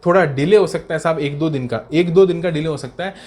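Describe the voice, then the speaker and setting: Lively male teacher. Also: fast talker. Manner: lively teacher voicing imagined student replies in a lower, softer tone; addresses viewers as beta and sahab, asks and answers his own questions. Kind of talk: recorded exam revision lecture.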